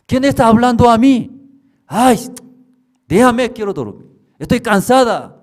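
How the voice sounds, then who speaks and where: A woman's voice: lively intonation, measured pace, darkish tone. A man putting on a whiny sleepy young woman. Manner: whining, high-pitched, pleading.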